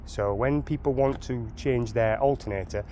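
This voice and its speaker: A DIY van owner from Sheffield, England rambles chattily through a van repair, repeating himself as he goes. His medium-pitched voice has a dark tone at normal speed, recorded on a handheld phone outdoors with slight background noise.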